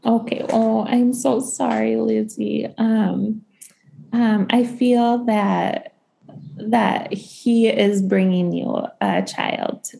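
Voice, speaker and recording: Gravelly, slow-spoken woman host. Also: a little high, steady tone. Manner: gentle, halting, full of ums, reassuring. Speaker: podcast host giving an angel reading. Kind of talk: intuitive reading conversation.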